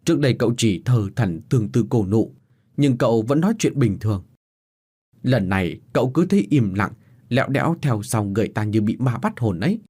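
A young servant girl from a spoken story, clever and fond of gossip, voiced by a male narrator. She talks in a hushed, confiding way, in a husky voice with lively pitch. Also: brisk.

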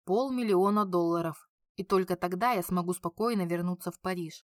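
A woman voicing a bitter, weary, beaten French man who speaks curtly and low. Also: a little fast, dry recording, studio quality, close to an everyday voice.

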